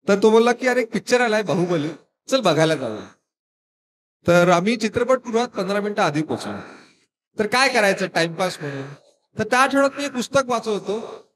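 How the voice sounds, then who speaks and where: High-voiced man telling a lively story. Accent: Marathi. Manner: animated, dramatic storytelling with a lot of pitch play. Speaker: motivational speaker. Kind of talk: live storytelling speech at a school event. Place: school annual function.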